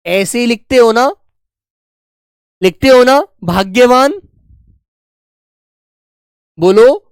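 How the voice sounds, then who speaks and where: A man teaching a spelling class online, coaxing his students and slowly repeating words to show how they are said. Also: high voice, no echo, studio quality. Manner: coaxing, keeps calling students "beta" and "bachche". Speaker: Hindi teacher.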